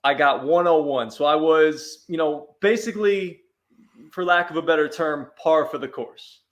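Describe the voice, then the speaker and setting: A man's voice: fairly high pitch, normal speed, lo-fi sound. A man chatting as a guest on a sports talk show, telling easygoing stories with frequent restarts. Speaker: sports radio host, guest. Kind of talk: casual chat.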